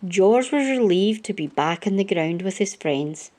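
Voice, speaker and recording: A woman reads a children's storybook aloud, narrating with expression in a mid-range voice that moves a little slowly.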